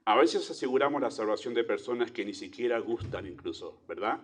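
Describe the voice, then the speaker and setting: Preaching in church with a Rioplatense Spanish accent, this pastor speaks a little fast in a lowish voice with lively intonation. He asks rhetorical questions and alternates loud emphasis with quiet asides.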